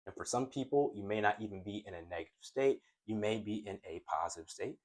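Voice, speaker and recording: Quick-paced and fairly low in pitch, a trading coach works at a whiteboard, addressing viewers directly and casually as "guys," his words tripping into stutters whenever he's excited.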